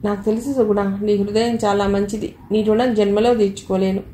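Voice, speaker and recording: A woman's voice: mid-range voice, steady tone, quick pace, dark tone, slight background noise, lightly acted. A woman voicing a childless elder sister who speaks wistfully and gratefully, in a storybook reading. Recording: echoey room, faint ambience.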